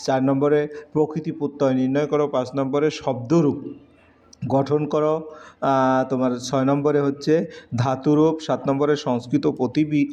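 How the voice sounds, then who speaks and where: A male teacher walking students through an exam-prep lesson, slowly reciting letters and numbers one by one. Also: medium pitch, mellow. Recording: dull lo-fi recording.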